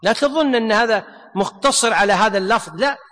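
A man with a high voice teaches a grammar class. He fires quick questions at his students and stretches out example words slowly. His voice rings with a long reverb from a large room. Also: animated, fairly bright tone.

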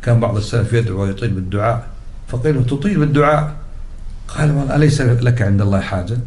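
A man's voice: mid-range voice, very fast, darkish tone. Man, religious lesson, patient explainer, roomy echo. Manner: patient explaining, repeats key words, asks the class questions. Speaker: religious teacher. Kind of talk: religious lesson to a gathered class. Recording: roomy echoey recording.

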